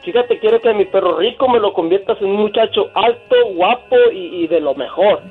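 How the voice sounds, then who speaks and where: A caller tells jokes to a radio show. He stumbles and repeats words. His high voice comes through a tinny phone line, with faint music behind it. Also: slightly rough. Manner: halting joke-telling, stumbles and repeats.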